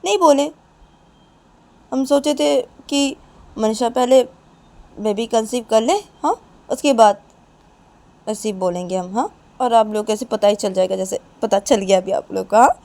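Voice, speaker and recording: A woman voicing an excitable, bossy young woman in a storybook tale, talking loudly in rapid questions. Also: mid-range voice, creaky, husky, full character voice. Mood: flustered.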